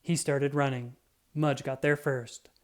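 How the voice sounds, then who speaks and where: The voice belongs to a storybook reader. Pitched in the middle, it tells a children's story with expressive, unhurried deliberateness.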